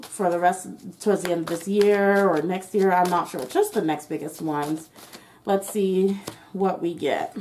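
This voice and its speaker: A woman's voice: mid-range voice, a little mellow. A woman with a voice muffled by a face mask over her mouth, casually improvising a tarot reading as host. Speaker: tarot reader and channel host.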